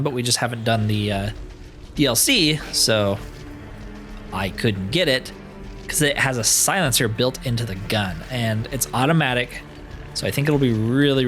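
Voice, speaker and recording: Slightly hoarse male let's player, mid-pitched, chatty and wry, faint music behind. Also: fairly bright tone. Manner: chatty, wry asides about loot. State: slightly hoarse, losing his voice. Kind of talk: casual gameplay commentary.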